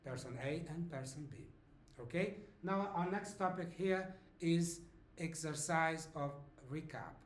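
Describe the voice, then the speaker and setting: A man teaching a beginners' language lesson, speaking slowly and clearly and checking in with the learner often. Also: on the high side, roomy sound. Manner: slow, clear teaching with frequent check-ins.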